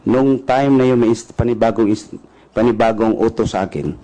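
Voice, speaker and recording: A man testifying as a witness at a hearing, answering deferentially and politely, halting and restarting often. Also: fairly low pitch, warm tone, poor audio. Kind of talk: testimony under questioning.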